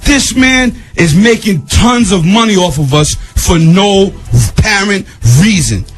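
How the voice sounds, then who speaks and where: A fired-up man with a New York accent, voice pitched fairly high and often rising to a shout as he presses his point. He speaks insistently in a radio studio, with a little music playing faintly underneath. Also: expressive, unhurried. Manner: forceful, shouting at times, insistent. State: worked up. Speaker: rapper guest. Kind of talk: heated radio interview.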